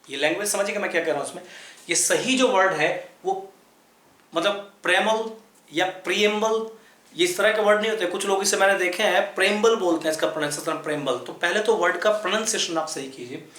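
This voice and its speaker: High-voiced man teaching vocabulary, echoey room. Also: fast talker, a bit bright. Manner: repetitive, explanatory, spells words letter by letter. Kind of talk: explaining lesson in Hindi at a chart.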